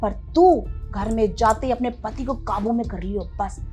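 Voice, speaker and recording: A woman playing a meddlesome, sharp-tongued mother who scolds and taunts her daughter. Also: fairly high pitch, normal speed, soft background music, close to an everyday voice. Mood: scolding. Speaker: mother-in-law character. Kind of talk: family drama acting.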